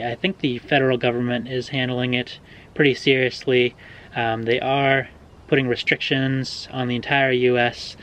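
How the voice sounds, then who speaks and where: A young American man from Oregon casually answering viewer questions in a vlog, relaxed and hedging with frequent ums and uhs. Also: medium pitch, poor audio. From Oregon, USA. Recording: faint background noise.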